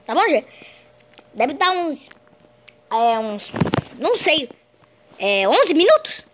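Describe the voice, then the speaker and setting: Very high, excitable young gamer girl. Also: slow pace, noisy background. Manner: excitable, shrieks at goals, keeps saying "gente". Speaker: gameplay commentator. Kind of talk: excited gameplay commentary.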